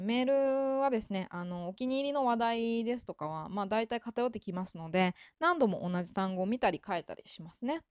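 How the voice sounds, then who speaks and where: A woman giving an informal spoken lesson of study advice, polite in manner, with frequent fillers and emphatic pauses. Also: medium pitch, smooth, dry recording, clean studio sound. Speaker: English-learning advisor.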